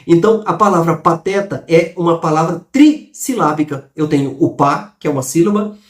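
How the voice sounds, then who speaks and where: A man's voice: a little high, expressive, moderate pace, roomy sound. A man from teaching a grammar lesson, explaining step by step with frequent hesitations and restarts. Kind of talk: online course lecture.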